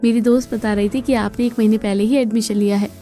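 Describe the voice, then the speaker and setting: Woman voicing a gentle humble maid girl. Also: sits high, moderate pace, faint music behind, lightly acted. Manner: gentle, cheerful. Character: sweet humble young maid girl, respectful.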